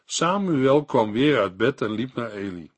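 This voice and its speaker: A man reading a scripted Bible commentary in a measured, didactic way. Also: mid-range voice, expressive. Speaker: Bible teacher.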